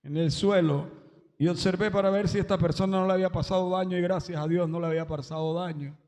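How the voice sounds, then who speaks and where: A man's voice: sits high, steady tone, quick pace, darkish tone, in a large hall. A man giving an emotional religious testimony at a church service, breaking into exclamations of praise.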